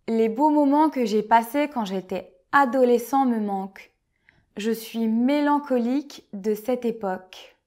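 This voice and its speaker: A woman teaching French vocabulary slowly and clearly, reading each word and then a short example sentence. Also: fairly high pitch, darkish tone.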